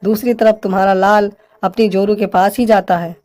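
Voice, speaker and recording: A woman's voice: medium pitch, fairly even intonation, moderate pace, dark tone, lightly acted. A woman playing a bossy, complaining older mother-in-law who scolds her daughter-in-law. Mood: scolding.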